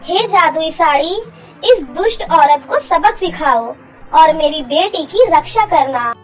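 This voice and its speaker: A woman voicing the gentle, protective spirit of a dead mother in a cartoon story. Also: high voice, animated, unhurried, soft background music, poor audio. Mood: tender. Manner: tender, soothing.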